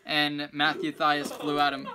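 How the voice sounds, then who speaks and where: A man's voice: a little high, monotone, unhurried, a loud crowd. Teen guy hosting a basement challenge. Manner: rambling, laughing, restarts often. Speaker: challenge host. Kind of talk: casual group challenge vlog. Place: small basement room. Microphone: handheld phone camera.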